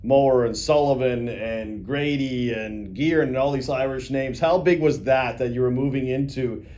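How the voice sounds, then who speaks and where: A man hosting a casual local interview, asking quick upbeat questions. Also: medium pitch, darkish tone. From Canada. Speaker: host.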